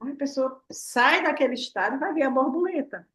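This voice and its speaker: Mulher mais velha, fala animada e brincalhona. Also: female voice, high voice, a little fast. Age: older. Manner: lively, playful, full of "né?" and rhetorical "o quê?". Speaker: therapist and guest speaker. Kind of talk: casual explanatory talk to a live online audience.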